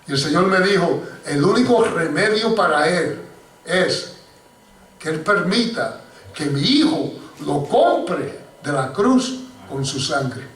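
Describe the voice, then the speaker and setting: A pastor with a fairly high-pitched voice preaches slowly in a church hall, telling a story and animatedly calling his listeners "hermano" again and again. The recording is echoey and captured from far off.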